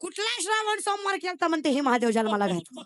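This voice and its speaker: A woman's voice: extremely high pitch, very animated, quick pace, a bit bright. A young woman giving a comic devotional sermon. She teases the crowd, fires quiz questions at them and slips in English phrases. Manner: teasing, quizzes the audience and mixes in English phrases. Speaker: kirtan preacher. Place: stage at a devotional gathering.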